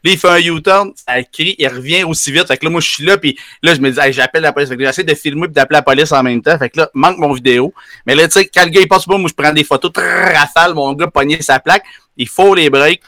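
Fast, bright-voiced Quebec French man. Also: a little high, no room sound, clean studio sound. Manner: animated, slangy, full of fillers. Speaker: podcast co-host telling a story. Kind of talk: casual storytelling chat.

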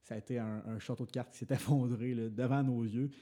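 Young Quebec French male podcast co-host, warm low timbre, rambling casual explainer full of fillers. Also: fairly even intonation, brisk. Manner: explains at length with many fillers and restarts. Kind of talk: casual finance podcast talk.

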